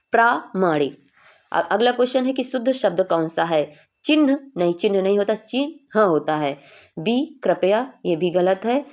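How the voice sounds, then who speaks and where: A woman's voice: on the low side, darkish tone. A young woman teaching a Hindi exam revision class, explaining each answer patiently and often checking in with her students.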